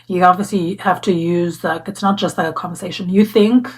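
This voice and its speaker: A woman's voice: on the low side, steady tone, fairly quick, low-quality recording. A woman, chatting reflectively to camera in a casual vlog, full of fillers and restarts. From South Africa. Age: 30s. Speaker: vlogger. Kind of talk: casual get-to-know-me vlog. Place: sitting at home talking to camera.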